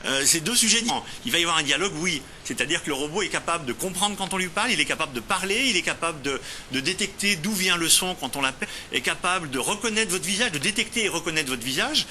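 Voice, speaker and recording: A man's voice: a little high, expressive, quick pace, sharp tone, a little hiss or hum. A man from Lyon, France, founder of a robotics company, answering TV interview questions in an explanatory way, with frequent hesitations and restarts.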